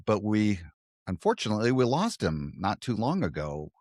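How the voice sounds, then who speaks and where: Male podcast host; lowish voice, chummy and relaxed, dry close recording. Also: normal speed, dry recording. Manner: relaxed, chummy, laughs along. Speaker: podcast host, former radio colleague. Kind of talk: casual interview chat.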